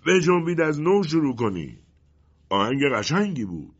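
Give me a man voicing a stern, bitter colonel from a storybook, husky and animated. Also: mid-range voice, voice pushed up. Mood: stern shouting. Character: bitter, greedy middle-aged male colonel. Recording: dull lo-fi recording.

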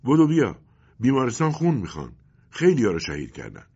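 A man's voice: extremely low pitch, huge pitch swings, vocal fry, darkish tone, slightly rough, highs cut off, heavily acted. A man voicing a brave, devoted father who calls out urgently. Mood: urgent calling. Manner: urgent, calling out.

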